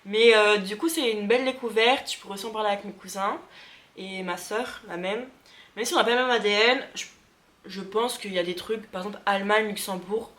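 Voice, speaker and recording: A woman from Lorraine in France talking casually to her viewers as a vlogger, chatty and excitable, thinking aloud with many fillers as she reacts. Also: medium pitch, brisk, echoey room. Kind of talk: casual vlog reacting to results.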